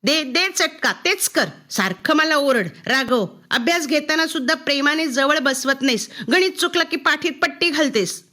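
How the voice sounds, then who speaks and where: Shrill, defiant schoolgirl, put on by a woman storyteller; high and shouting, bitter. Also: sing-song, unhurried, full character voice. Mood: shrill defiance. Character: defiant sixth-grade girl yelling at her mother.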